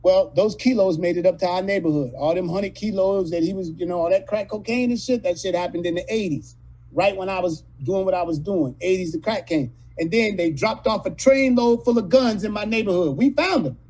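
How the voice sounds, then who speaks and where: A man in his late fifties from California, telling rough, profane stories as a guest in a casual interview. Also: high-pitched, fairly quick, darkish tone, poor audio. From California, USA. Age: 50s. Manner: profane, rambling, street-talking storyteller. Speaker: actor guest.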